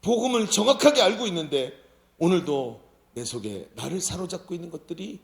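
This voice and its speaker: A senior pastor preaches lively in a church sanctuary, often posing questions to the congregation. His voice is high and fairly quick, and the recording carries the roomy sound of the church hall.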